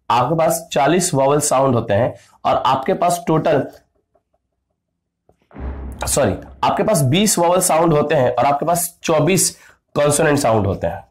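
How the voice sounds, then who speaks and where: A male teacher giving an exam-prep grammar lesson, lively, asking questions and answering them himself, calling his students "sarkar". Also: on the high side. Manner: acts out classroom anecdotes.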